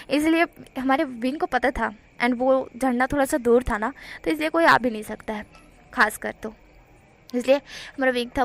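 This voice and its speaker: A young woman retells a romance fan story in a relaxed, chatty way, talking straight to her viewers. Her voice sits high and carries a gravelly fry. She slips into the characters' quoted lines as she goes. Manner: chatty, addresses listeners as guys, mixes English words. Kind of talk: casual story retelling with acted dialogue.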